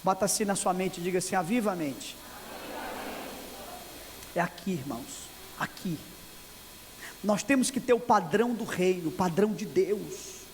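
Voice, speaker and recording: A male pastor from Brazil preaches with emphatic drive and a fairly high voice. He pushes his points up to loud peaks. A long reverb from a big church hall and faint background noise surround him. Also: expressive, moderate pace. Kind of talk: sermon. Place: large church conference hall.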